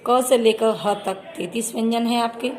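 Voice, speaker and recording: A woman's voice: a little high, fairly even intonation, moderate pace, darkish tone. A woman teaching a children's Hindi grammar lesson, patiently repeating terms and addressing her pupils fondly. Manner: patient, repeats terms and calls listeners "beta".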